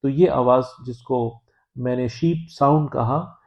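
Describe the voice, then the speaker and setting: A man from Pakistan giving a language lesson, explaining in a measured, patient way with frequent hesitant pauses. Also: medium pitch, darkish tone. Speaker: French teacher. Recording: dull lo-fi recording.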